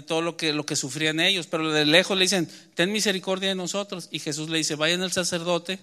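A man preaching a sermon in church, moving between quiet Bible reading and emphatic, rising points. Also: on the high side.

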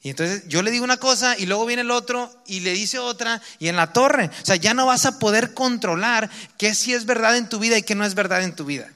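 A man with a Mexican accent preaching a sermon, reading scripture slowly and emphatically, then explaining it in casual asides. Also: high voice, sharp tone, long reverb tail. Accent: Mexican Spanish.

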